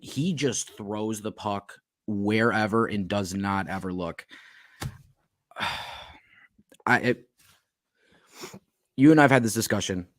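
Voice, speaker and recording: A man's voice: fairly low pitch, no echo. A man co-hosting a sports podcast, talking bluntly and with exasperation, with some swearing. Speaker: podcast co-host. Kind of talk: heated sports podcast talk.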